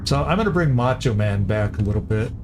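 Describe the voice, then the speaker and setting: Fairly quick and lively in intonation, this mid-range male voice belongs to a let's-play commentator musing over a strategy game, stumbling into restarts as he plots each move. Game music and other background noise can be heard.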